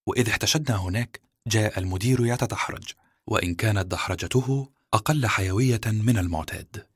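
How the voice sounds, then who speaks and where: A man giving scripted first-person audiobook narration in a steady, measured way. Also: lowish voice, husky, no echo, studio quality.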